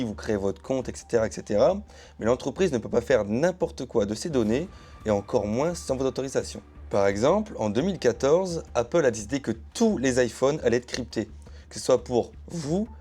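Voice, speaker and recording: Mellow-voiced man narrating casually. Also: medium pitch, slightly rough. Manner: chatty, addresses viewers directly with asides and hedging phrases. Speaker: YouTube storyteller. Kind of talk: casual explainer narration to camera.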